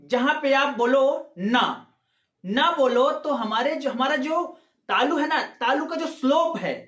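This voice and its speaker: A very high, pushed and bright male voice at a measured pace leads an exam-prep grammar class in an echoey room. He explains step by step, asks rhetorical questions, repeats himself, and keeps checking with students with "ठीक है".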